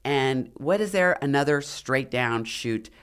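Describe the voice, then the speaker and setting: A woman's voice: rumbling low, measured pace, clear, resonant tone. A middle-aged woman, a podcast guest, telling a dramatic story in a casual interview and acting out what others said. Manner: animated, acts out the dialogue of others. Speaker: podcast guest, former figure competitor and mountaineer.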